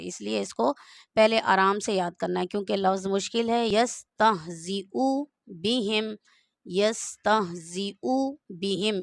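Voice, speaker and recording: A woman with a medium-pitched voice gives a slow, step-by-step Quran recitation lesson, patiently spelling each word letter by letter and repeating it. The studio sound is clean, with no echo.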